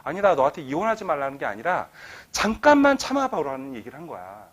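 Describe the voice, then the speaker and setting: A man's voice: fairly high pitch, quick pace. A middle-aged man giving an author talk to an audience, telling stories and acting out quoted dialogue. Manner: animated storytelling, acts out quoted dialogue. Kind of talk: lecture to an audience. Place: lecture hall.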